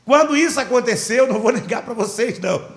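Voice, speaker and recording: A man with a Brazilian Portuguese accent, a pastor preaching a sermon and telling a story with animated, dramatic delivery. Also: very high-pitched, fast talker, gravelly, echoey room.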